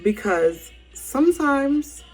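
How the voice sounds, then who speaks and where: A woman's voice: sits high, takes it slowly, soft background music, poor audio. A woman giving an informal sermon, telling colloquial stories emphatically and often checking in with tag questions. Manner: animated, colloquial storytelling with frequent "right?" tags.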